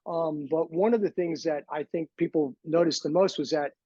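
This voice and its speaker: A man with a notably high voice talks through his story in a relaxed, lighthearted way, with a quirky streak in his humor. He sounds middle-aged. The sound is dry and muffled, as if recorded on a lo-fi line. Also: moderate pace, slightly rough, no echo. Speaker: podcast guest, former bodybuilder. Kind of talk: casual storytelling interview. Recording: dull lo-fi sound.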